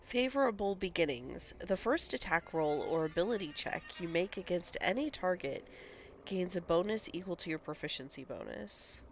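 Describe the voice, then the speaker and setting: This casual let's-play comes from a woman gaming host whose fairly low voice is stuffed up by a cold; she's animated and talks at normal speed. She reads menus aloud and muses over the choices, and the audio carries a little hiss or hum.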